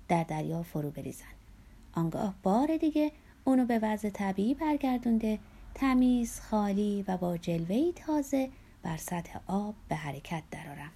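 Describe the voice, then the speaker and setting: A woman narrating a literary audiobook in a soft, breathy, half-whispered reading voice. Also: mid-range voice.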